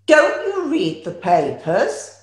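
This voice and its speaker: A woman playing an officious quarantine official in a pantomime, with theatrical, drawn-out delivery. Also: a little high, wildly swooping pitch, reverberant, full character voice. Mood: challenging. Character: officious female quarantine official stopping travellers. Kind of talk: pantomime acting.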